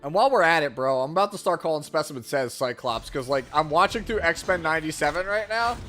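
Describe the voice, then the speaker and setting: A man's voice: a little high, animated, fast. Slangy man streaming a game. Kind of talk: casual excited gameplay commentary. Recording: loud game music behind.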